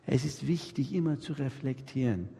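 A man preaching a sermon to his congregation, animated, acting out everyday dialogues and speaking straight to his listeners. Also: medium pitch, normal speed, gravelly, husky. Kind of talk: lively sermon. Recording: long reverb of a hall.

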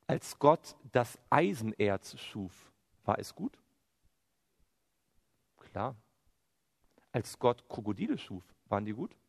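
Speaking slowly in a lowish, slightly rough voice with vocal fry and long pauses, a preacher delivers an animated sermon. He quotes scripture and poses rhetorical questions before answering them himself, all within a long hall reverb.

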